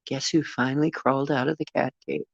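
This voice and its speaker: The recording has no room sound and its highs are cut off. The speaker, an older channel host from Northeastern Ohio by his accent, has a gravelly mid-range voice with a steady tone at normal speed, chatting casually and expressively on a livestream, often laughing and trailing off with fillers.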